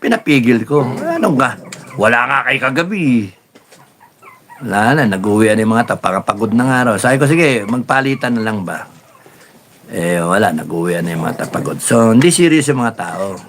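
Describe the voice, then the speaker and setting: A man hosting a casual live stream, reading viewer comments and telling stories in a rambling, animated way with many fillers. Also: medium pitch, normal speed, slight background noise. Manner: rambling, animated storytelling with laughs and repeated fillers.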